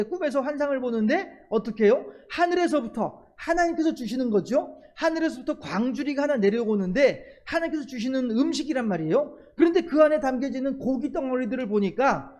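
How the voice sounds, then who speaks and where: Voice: sits high, a little mellow. A pastor delivering a sermon in a conversational storytelling manner.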